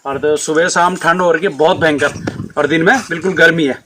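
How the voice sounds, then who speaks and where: A man's voice: on the high side, fairly even intonation, a little fast, sharp tone, a little hiss or hum. Guy from uttarakhand filming a travel vlog on a mountain path, chatty, talks to his viewers like friends. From Uttarakhand, India. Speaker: vlogger. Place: outdoors on a mountain village path.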